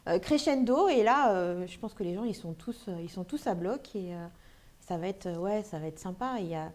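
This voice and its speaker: A woman's voice: mid-range voice, expressive, moderate pace, a little mellow. A woman speaking as a studio guest in a casual, filler-heavy way. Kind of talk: talk show discussion.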